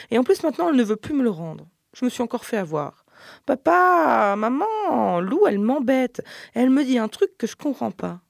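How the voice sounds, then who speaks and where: A woman narrating a children's story in a playful, expressive, first-person childlike tone. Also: fairly low pitch, creaky, no echo, clean studio sound.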